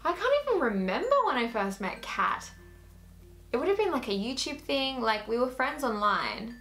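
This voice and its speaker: An Australian YouTuber in her twenties chats casually to camera during a Q&A, her voice on the high side with big pitch swings, normal speed, and a fairly bright tone. She fills her talk with "like," and faint music plays behind her.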